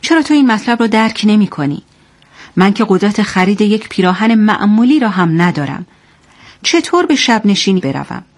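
A woman's voice: medium pitch, animated. A woman voicing a discontented young wife who speaks with mocking impatience, in a radio story reading. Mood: exasperated. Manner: mocking, exasperated.

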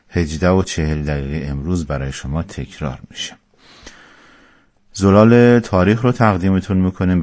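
Deep radio announcer guy, formal and polite, dry close sound. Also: darkish tone, no room sound. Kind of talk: station announcement.

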